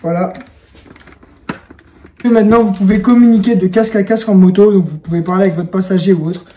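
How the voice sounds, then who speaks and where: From a room in his house, a young man presents a casual product tutorial, chatting informally with his viewers. His high-pitched voice has a dark tone and fairly even intonation, and he speaks a little fast.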